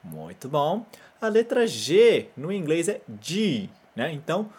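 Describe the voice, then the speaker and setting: A woman's voice: deep voice, very animated, takes it slowly, a little mellow, slightly rough. A Brazilian woman teaching a Japanese lesson, patient and encouraging, who keeps checking in with "né?" and leads repeat-after-me drills. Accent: Brazilian Portuguese.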